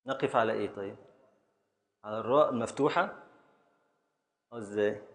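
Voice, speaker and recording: A man with an Egyptian Arabic accent, teaching a class as a sheikh, slowly chanting syllables of poetic meter and calling on students by name to answer. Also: lowish voice. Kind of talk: classroom lesson, quizzing students.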